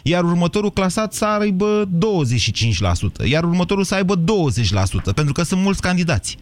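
A man's voice: high-pitched, very animated, dry recording. A man hosting a call-in radio debate, pressing callers with direct questions. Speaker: radio talk show host.

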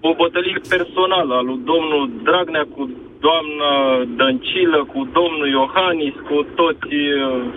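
A man calling into a radio show from his car on hands-free, hesitant and full of fillers. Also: a little high. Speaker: caller. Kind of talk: call-in political opinion. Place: driving in a car in city traffic. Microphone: hands-free phone. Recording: tinny phone line with car noise.

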